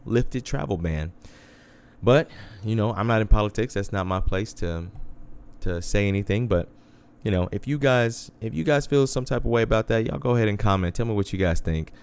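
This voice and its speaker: Deep-voiced laid-back radio host man. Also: a little mellow, clear, resonant tone. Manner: laid-back, chatty, keeps addressing listeners as "guys"; dry sarcasm. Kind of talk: casual internet radio hosting.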